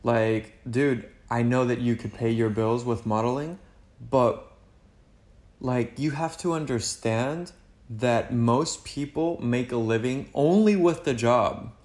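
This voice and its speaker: A man's voice: medium pitch, slow, darkish tone. Rambling man in an echoey room. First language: Spanish. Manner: loose, rambling, heavy on "like" and "you know". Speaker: podcast co-host. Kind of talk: casual chat.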